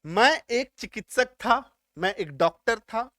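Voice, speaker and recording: A man's voice: high-pitched, animated, measured pace, bright, forceful tone, no room sound. A man teaching English grammar step by step, often stopping to check whether his students have understood. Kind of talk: spoken grammar lesson.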